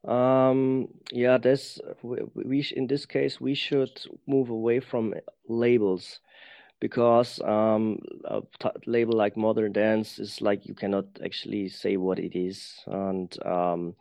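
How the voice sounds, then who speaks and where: A man who is not a native English speaker, talking reflectively as an interview guest in careful, halting English, searching for words. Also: lowish voice, little pitch movement, vocal fry, darkish tone. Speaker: interview guest, professional dancer. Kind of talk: reflective conversation. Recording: dull lo-fi sound.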